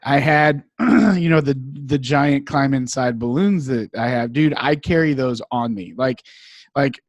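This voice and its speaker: A man's voice: mid-range voice, lively intonation, unhurried, dry recording. A man co-hosting a show, rambling through a casual story with chuckles. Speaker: co-host. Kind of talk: casual banter.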